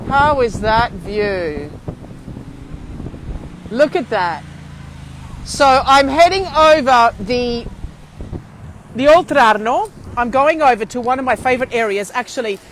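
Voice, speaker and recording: A woman's voice: on the high side, low-quality recording. A middle-aged Australian woman chatting to viewers on a live walking vlog, effusive and theatrical, full of endearments. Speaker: tour operator and live vlog host. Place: outdoors on a city street and bridge. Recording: windy outdoor street noise.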